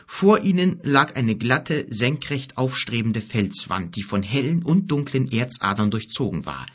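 Male audiobook narrator, husky, lively intonation, storybook reading. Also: mid-range voice, a little slow.

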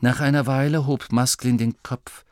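A man narrating a story in an expressive, steady reading. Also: mid-range voice, normal speed, no room sound, clean studio sound. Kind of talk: audiobook narration.

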